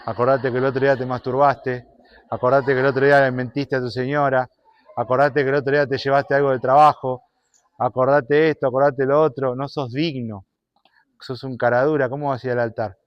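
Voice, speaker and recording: A man voicing the devil as an accuser, low, hushed and taunting. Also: level tone, a little fast, clear, resonant tone, no echo, lo-fi sound, lightly acted. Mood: accusing.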